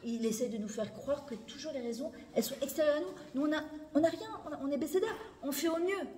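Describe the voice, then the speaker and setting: A middle-aged woman giving an animated, emphatic Torah lesson to a room of women, repeating phrases and mixing in Hebrew words. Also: high-pitched, fast talker. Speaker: Torah teacher. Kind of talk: spoken lesson to a women's audience. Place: lecture hall. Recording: echoey hall, faint background noise.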